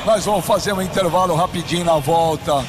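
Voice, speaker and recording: A man with a Brazilian accent hosting a live sports broadcast from a stadium booth, joking and bursting into shouts. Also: on the high side, music in the background. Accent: Brazilian Portuguese. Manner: excitable, joking, rapid swings to shouting.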